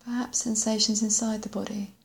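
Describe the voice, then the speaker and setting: A woman guides a body scan meditation gently and without hurry, pausing at length and letting each phrase fade softly. Her pitch is medium and barely moves.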